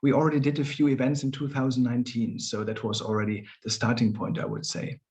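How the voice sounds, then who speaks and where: A man's voice: medium pitch, fast, a little mellow. A middle-aged man, a coach, presenting in a friendly, loose way on a webinar. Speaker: coach and former manager. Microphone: video call.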